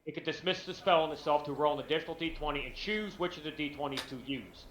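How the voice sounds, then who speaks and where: A man's voice: a little high, fast talker, crowd noise. A man playing a tabletop game, thinking aloud and reading out spell rules. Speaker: player. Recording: echoey room.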